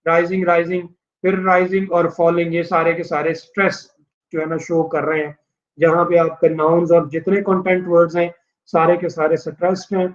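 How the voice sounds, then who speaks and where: A man with a high voice delivers a recorded online lecture, explaining steadily while mixing in English terms and drawing out "uh" fillers. The recording is dull and lo-fi.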